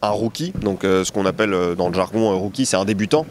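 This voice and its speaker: Young man with a low voice, hesitant. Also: fast. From Portugal. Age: 20s. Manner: hesitant, many filler sounds and restarts. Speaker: interview guest, manga artist. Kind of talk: casual interview chat. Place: outdoor basketball court in a city.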